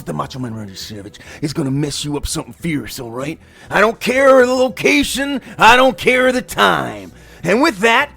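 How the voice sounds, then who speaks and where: A bombastic macho wrestler narrating an audio play. The voice is gravelly and slow, lurching wildly in pitch. Music plays behind him. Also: male voice, fairly bright tone, full character voice. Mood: menacing bluster. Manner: punctuates phrases with drawn-out "yeah" and "right?".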